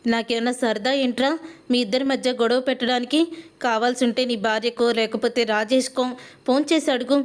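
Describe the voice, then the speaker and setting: A woman's voice: a little high, steady tone, a little fast, lightly acted. A woman voicing a spiteful, scheming mother-in-law in a serial recap, her delivery insistent and needling.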